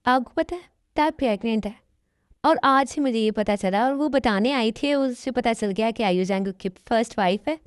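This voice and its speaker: A woman's voice: on the high side, moderate pace, clear, resonant tone, no room sound, studio quality, lightly acted. A woman voicing a troubled family member explaining bad news in a fan dub drama.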